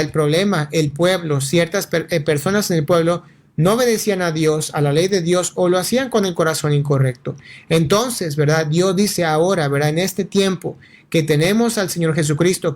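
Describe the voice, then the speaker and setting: This high-pitched male pastor teaches from the Bible on the radio in a steady, earnest manner. Speaking Spanish as a non-native, he keeps restarting words and asking "right?" The setting is a radio studio.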